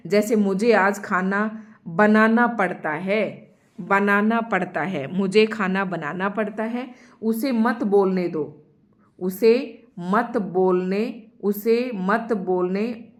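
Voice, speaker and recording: A woman leads an online grammar lesson in a voice of ordinary, mid-range pitch. She works through each term patiently and says her example sentences twice, slowing down so the class can follow. She keeps speaking straight to her learners. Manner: explains step by step, repeats example sentences slowly; addresses students directly. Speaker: Hindi grammar teacher.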